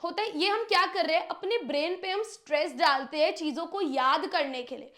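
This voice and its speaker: A woman's voice: extremely high pitch, normal speed, fairly bright tone. A young woman teacher giving students study tips, talking straight to them and acting out their questions.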